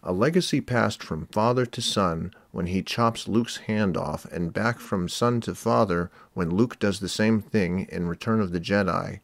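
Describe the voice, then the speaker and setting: A man reading a scripted analytical narration in a measured, explanatory way. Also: deep voice, creaky, no echo. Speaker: video essay narrator.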